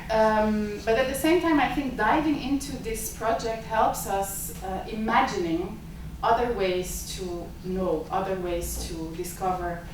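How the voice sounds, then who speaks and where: Opening an academic event, this symposium host and lab director, a woman whose first language is Italian, speaks at medium pitch in a steady tone and at a measured pace, pausing rarely. She hesitates often and fills gaps with filler sounds. She was recorded from a distance in a reverberant, noisy lecture room.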